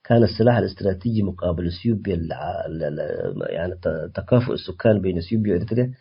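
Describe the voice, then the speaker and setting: A man speaking as a political guest in a radio interview, impassioned and halting, with frequent restarts and fillers. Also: deep voice, very animated, vocal fry, breathy edge, lo-fi sound.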